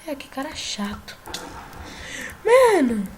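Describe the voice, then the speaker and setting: A woman with a Brazilian Portuguese accent giving casual gameplay commentary as a gaming YouTuber, excitable and often yelling at the game. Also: medium pitch, unhurried, a little hiss or hum.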